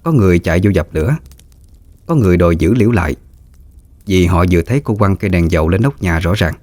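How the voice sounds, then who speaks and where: A man with a Southern Vietnamese accent telling a story in a steady, plain way. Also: low voice, quick pace, no echo. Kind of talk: storytelling narration.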